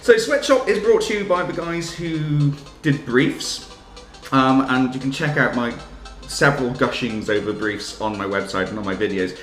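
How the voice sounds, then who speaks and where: A man's voice: mid-range voice, animated, normal speed, roomy sound, soft background music. A man giving enthusiastic, self-deprecating spoken reviews of shows in a chatty video. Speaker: theatre reviewer. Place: room with music playing.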